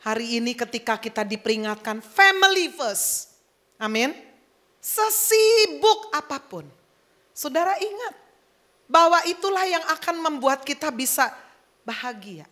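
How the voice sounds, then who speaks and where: A middle-aged woman pastor preaching with lively energy. Her voice is bright and a little high, and she drops English phrases into the flow of her sermon. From Indonesia.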